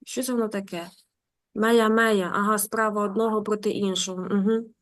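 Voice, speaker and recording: A woman teaching German online. She reads a story aloud slowly and translates it with quick explanatory asides. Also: mid-range voice, steady tone.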